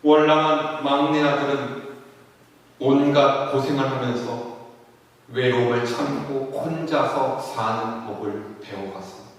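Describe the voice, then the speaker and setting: A man's voice: medium pitch, unhurried. A man pastor telling a story in an earnest sermon, rising in intensity at moments of grief. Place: church sanctuary. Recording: echoey church hall from far off.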